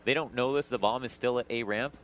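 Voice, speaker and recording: A man's voice: mid-range voice, brisk, background noise. A man giving conversational, analytical commentary on a live video game match as the analyst of the broadcast.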